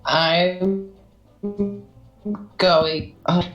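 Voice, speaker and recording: A tabletop game player on a voice call, with choppy, robotic audio that keeps breaking up, talking haltingly as words drop out. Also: mid-range voice, little pitch movement, a bit bright, faint music behind. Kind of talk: casual play over a voice call. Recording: muffled roomy online call audio.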